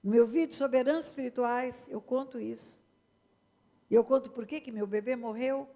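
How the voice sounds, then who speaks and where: High, gravelly Brazilian woman pastor preaching. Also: dark tone, in a large hall. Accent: Brazilian Portuguese. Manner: emphatic preaching, addressing the congregation directly. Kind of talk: sermon. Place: church hall.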